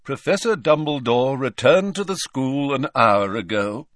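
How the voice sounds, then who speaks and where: A man's voice: mid-range voice, lively intonation, unhurried, no room sound, voice pushed up, lightly acted. A man voicing a chatty, genteel male ghost who gossips politely.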